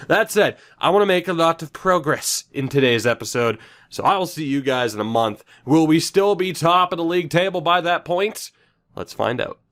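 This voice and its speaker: Chatty young man commenting on a game. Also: medium pitch. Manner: chatty, self-mocking, lively asides. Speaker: gaming commentator.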